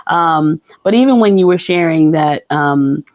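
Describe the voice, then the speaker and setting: A woman's voice: low-pitched, expressive, measured pace, no room sound, lo-fi sound. A woman from Brooklyn, co-hosting a casual live-stream chat in an earnest, reflective way. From Brooklyn, New York. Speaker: co-host.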